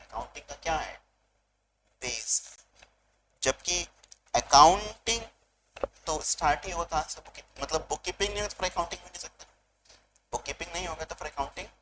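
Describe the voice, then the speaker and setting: A male commerce teacher giving a revision lecture, mixing Hindi and English, asking questions and answering them himself, and reading out definitions slowly. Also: a little high, background noise. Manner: switches between Hindi and English mid-sentence. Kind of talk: online exam revision lecture.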